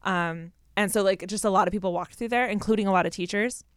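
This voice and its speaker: Young adult woman, clear voice, casual storytelling, colloquial, close dry sound. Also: mid-range voice, quick pace, no room sound. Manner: animated, colloquial, heavy use of "like". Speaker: podcast co-host.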